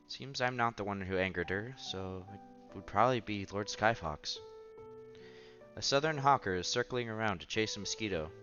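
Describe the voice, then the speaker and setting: Playing through a visual novel, a lowish-voiced man with a sharp tone reads the story aloud and moves between narration and casual reactions. Now and then he trips on a line and repeats it. The sound is somewhat dull and lo-fi, with the game's background music playing.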